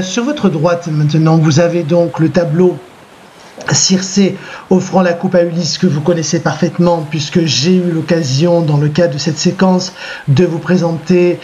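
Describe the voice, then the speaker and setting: A French man teaching a recorded class, dictating slowly, repeating himself and checking in with his pupils. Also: a little high, a little mellow, a little hiss or hum. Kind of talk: recorded lesson with slides. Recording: muffled lo-fi recording.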